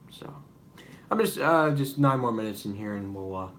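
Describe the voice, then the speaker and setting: A man's voice: on the low side, animated, moderate pace, slight background noise. A young man hosting a casual live-stream Q&A, rambling with many fillers and apologies. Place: room at home with noise behind.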